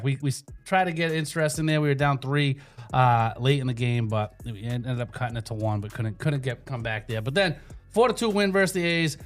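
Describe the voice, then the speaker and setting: A man hosts casual sports banter at an ordinary middle pitch. He talks in loose local slang with a fan's enthusiasm, over a faint bed of music. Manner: slangy, enthusiastic fan talk. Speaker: sports show host.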